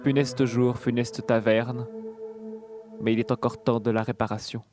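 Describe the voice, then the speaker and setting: A man's voice: mid-range voice, flat delivery, normal speed, a little mellow, faint music behind, natural voice. A man playing an earnest, melodramatic bard in a tabletop game, declaiming like a stage actor. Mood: melodramatic, pleading. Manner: hammy, declamatory stage delivery.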